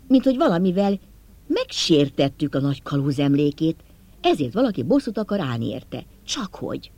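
A man narrating an audiobook in first person, in a steady, measured storytelling way. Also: high-pitched, no room sound.

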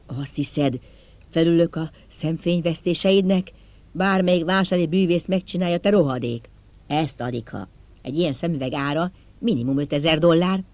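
A frightened and hostile sweating scholar, put on by a male narrator, pitched up and loud. His voice carries a gravelly rasp, and he sounds agitated and ready to lash out, like a storybook character cornered in a dark storeroom. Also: no room sound, close to an everyday voice. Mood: suspicious.

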